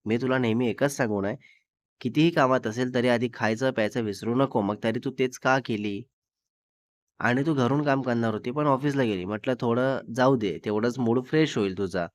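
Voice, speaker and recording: A man's voice: mid-range voice, moderate pace, no echo, natural voice. A man voicing a young boyfriend who scolds his girlfriend sternly but with care. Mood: scolding. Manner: scolding, then coaxing. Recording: dull lo-fi dry recording.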